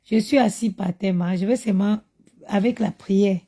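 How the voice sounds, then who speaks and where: Woman, tired, chatty phone live stream, mid pitch, addresses viewers directly. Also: moderate pace, dark tone. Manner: chatty, talks straight to her viewers. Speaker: mother doing a live stream. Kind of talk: casual live-stream chat.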